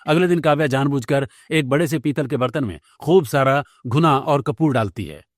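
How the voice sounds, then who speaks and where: A man narrating a cartoon story in a steady, plain scripted style. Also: medium pitch, moderate pace, dry recording, studio quality.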